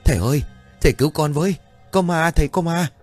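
A man voicing a panicky, cowardly young village husband who shouts and pleads in a high voice. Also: animated, fairly quick, faint music behind. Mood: terrified. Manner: shrill, frantic yelling.

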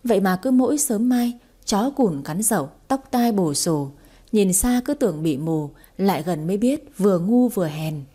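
A woman reading aloud and voicing a sharp-tongued, scheming young wife who teases in singsong rhymes. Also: medium pitch, expressive, moderate pace, natural voice. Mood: mocking.

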